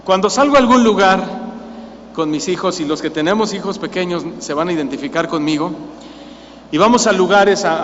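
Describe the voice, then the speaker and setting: A high-pitched Mexican man preaches with fervor, firing questions at his congregation and breaking into loud calls. His voice rings through a reverberant church hall. The recording is somewhat muffled, with a faint hiss underneath. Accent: Mexican Spanish. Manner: emphatic preaching, asks the congregation questions, rises to loud cries. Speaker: pastor. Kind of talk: sermon.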